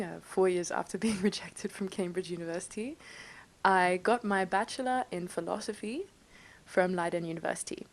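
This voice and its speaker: A woman's voice: medium pitch, low-quality recording. A young woman in her twenties from England, with an English accent that carries a slight Dutch tinge, chatting bubbly and enthusiastically to camera from her bedroom. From United Kingdom. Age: 20s. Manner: bubbly and enthusiastic, laughs often. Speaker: vlogger. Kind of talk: casual talk to camera.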